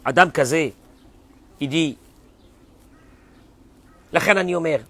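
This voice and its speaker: A man, a rabbi, giving a dramatic Torah class, acting out the voices of complaining people and swinging from loud cries to hushed whispers. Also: a little high, takes it slowly. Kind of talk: animated sermon.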